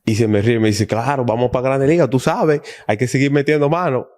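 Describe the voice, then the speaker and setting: A man's voice: medium pitch, a little fast. A young man, telling a story as a podcast guest and acting out the dialogue. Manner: animated, acts out quoted dialogue. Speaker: guest baseball player. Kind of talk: casual storytelling interview.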